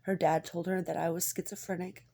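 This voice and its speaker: A woman in a rambling, confessional personal monologue, halting and candid, with a husky, gravelly voice that often drops toward a whisper. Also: fairly low pitch, level tone, dark tone, a little hiss or hum. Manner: halting, hesitant, candid, swearing.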